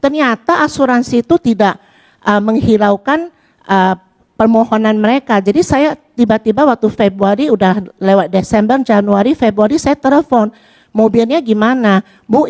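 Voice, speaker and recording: A woman from Indonesia, a church member, gives a personal testimony in a chatty, storytelling manner, acting out the dialogue. Her voice is mid-range and a little mellow.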